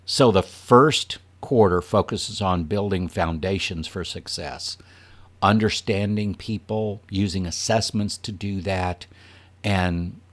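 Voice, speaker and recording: A man with a very low, deep voice speaks as a leadership trainer addressing an audience. His delivery is earnest and emphatic, with a light chuckle now and then. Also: slow pace. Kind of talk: presentation to an audience.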